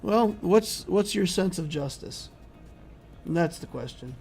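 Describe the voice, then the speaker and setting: Gravelly-voiced man answering chat. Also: sits high, lively intonation, measured pace, darkish tone, soft background music. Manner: conversational, rambling with restarts, answering chat. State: losing his voice, clearing throat. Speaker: YouTube game channel host. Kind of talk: casual livestream commentary.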